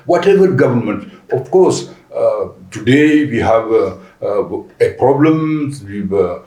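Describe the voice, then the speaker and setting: Deliberate man, roomy echo. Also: mid-range voice, expressive, dark tone. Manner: deliberate with frequent restarts and fillers. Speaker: panel guest. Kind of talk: podcast panel discussion. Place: conference venue.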